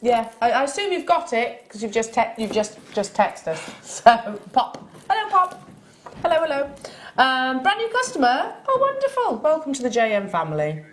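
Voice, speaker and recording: A Welsh-accented woman presents a live TV shopping show in a studio, chatting upbeat with guests and greeting viewers as she sells. Her voice is high-pitched and very animated at a moderate pace, with a little hiss or hum in the recording.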